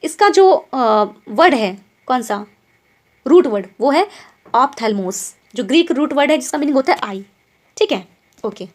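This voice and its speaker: A lively woman with a high voice teaches vocabulary at a measured pace in an online lesson as an English exam teacher. She explains in Hindi mixed with English words, keeps asking quiz questions, and checks in with tags like "ठीक है?"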